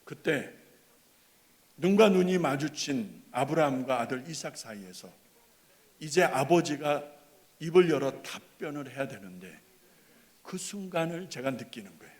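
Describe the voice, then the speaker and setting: A man preaching a sermon as pastor, dramatic, swinging between loud bursts and hushed tender lines. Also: mid-range voice, lively intonation, a little slow, pauses often. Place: church sanctuary. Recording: long hall reverb.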